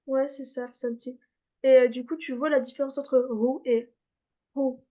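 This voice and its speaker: A woman's voice: high-pitched, little pitch movement, dark tone. Patient woman teaching letter sounds. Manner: patient, repeats sounds slowly to demonstrate. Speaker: Arabic teacher. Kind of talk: online beginner class.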